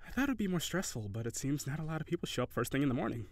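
In an intimate audio roleplay, a man voices a cheery, shy, flirty kitsune barista, speaking hesitantly with giggles and gentle encouragement. His fairly high voice is very animated and racing, with no room sound, and the mood is shy and candid.

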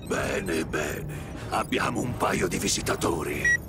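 A man voicing a huge, coldly smug alien warlord in a cartoon dub, deep, gravelly, slow and mocking. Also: over loud music, heavily acted. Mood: coldly menacing.

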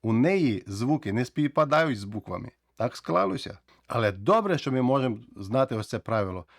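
Guy teaching english vowels, lively, says words real slow over and over, dry sound. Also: mid-range voice, gravelly, no echo. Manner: lively, drills words slowly again and again. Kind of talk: explaining pronunciation rules.

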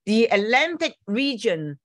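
A woman's voice: fairly high pitch, big pitch swings, slow pace, no room sound, studio quality. A woman volunteer teacher giving an online English lesson in Chinese, explaining patiently, repeating words and spelling them out letter by letter. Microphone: computer mic on a video call.

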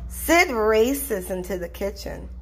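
With a slight hiss of background noise, a woman with a mid-range voice reads a children's storybook aloud. Her narration is expressive and deliberate.

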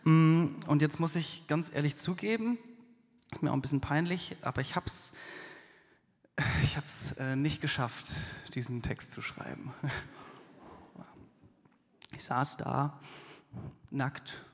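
A man with a high, husky voice performs a rhymed spoken-word poetry slam, his delivery swinging dramatically from hushed to loud. He speaks into a stage microphone in a large concert hall, and a long reverb trails his words. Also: slow pace, long pauses.

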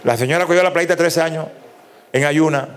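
This is a middle-aged man with a Colombian Caribbean coast accent, working a nightclub crowd as a stand-up comedian. His voice sits slightly high. His storytelling is crude and profane, and it breaks into loud bursts. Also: brisk, soft background music. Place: nightclub stage.

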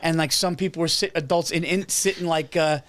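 A middle-aged man co-hosts a podcast, rambling and restarting as he tells a story. His voice sits a little high, and the studio sound is dry with no echo. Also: steady tone, fairly quick, fairly bright tone. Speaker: podcast co-host. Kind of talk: casual chat. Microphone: studio boom mic.

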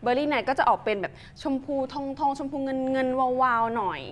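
A woman's voice: sits high, moderate pace. Polite woman presenting a lipstick. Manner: polite, uses ค่ะ and นะคะ a lot, explains steadily. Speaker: product presenter. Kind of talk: casual product demo chat. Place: TV studio.

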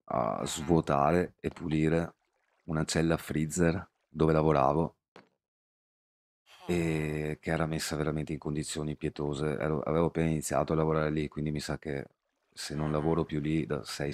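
A man's voice: a bass voice, flat delivery, moderate pace, darkish tone, no echo. A young man chatting casually to his viewers while streaming a game, rambling through personal anecdotes. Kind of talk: casual live-stream chat while gaming.

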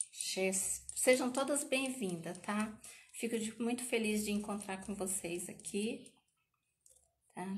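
A woman over fifty from southern Brazil, chatting warmly as she teaches a live craft tutorial, often checking in with her viewers. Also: medium pitch, a little hiss or hum. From Paraná, Brazil. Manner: chatty, emotional, speaks to viewers with many tag questions.

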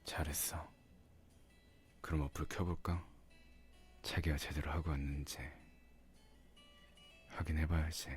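Guy playing a doting boyfriend, asmr ASMR role-play, super deep soft murmur, slow n teasing, close mic. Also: little pitch movement. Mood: teasing, intimate. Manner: intimate, coaxing, teasing. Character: teasing, doting, playful young boyfriend on a date. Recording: music behind the voice.

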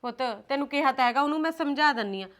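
A woman's voice: sits high, lively intonation, very fast, fairly bright tone. A middle-aged actress playing a patient mother who soothes and admonishes her grown children. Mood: soothing. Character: patient mother pleading for family peace. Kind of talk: film drama dialogue.

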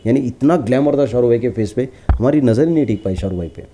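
A middle-aged man telling stories in an interview, lively, and acting out the lines of the people he quotes. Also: mid-range voice, quick pace, a little hiss or hum. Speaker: celebrity lookalike actor interviewee. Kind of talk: casual storytelling interview.

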